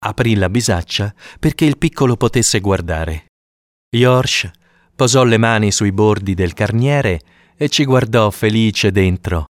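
A man narrating an audiobook in an expressive storytelling manner. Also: on the low side, a little slow, no echo, clean studio sound.

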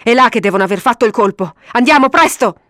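A woman voicing an excitable male police inspector who exclaims in loud, raised outbursts. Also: deep voice, slow, no room sound, clean studio sound. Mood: alarmed.

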